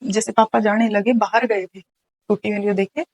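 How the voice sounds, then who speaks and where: A woman's voice: medium pitch, steady tone, moderate pace, no echo, low-quality recording. A young woman from Haryana, telling her life story as an interview guest, earnest and full of restarts. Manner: earnest, recounting events with many restarts and quoted dialogue.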